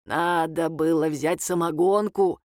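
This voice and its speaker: A woman's voice: fairly even intonation, darkish tone, no room sound, studio quality. Woman doing a grumpy, muttering old grandfather. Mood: grumbling. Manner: low muttering, slow and sardonic. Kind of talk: audiobook character voice.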